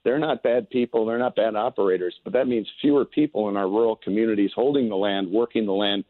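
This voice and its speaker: Calling in to a radio show, this American candidate speaks quickly in a lowish voice with no echo around it. The phone line is thin and tinny. His interview answers come in homespun campaign-trail language, broken by halting repetitions.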